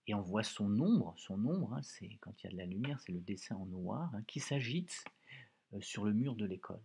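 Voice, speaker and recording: Guy teaching a reading lesson to kids, goes over each word slowly, kinda husky. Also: on the low side, expressive, dark tone. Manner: explains words patiently, repeating phrases.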